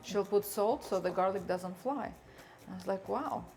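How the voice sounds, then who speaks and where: Woman cooking-show host, easygoing explainer, medium pitch, soft music in the background. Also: normal speed. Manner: chatty, explains cooking steps as she goes. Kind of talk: casual chat while cooking.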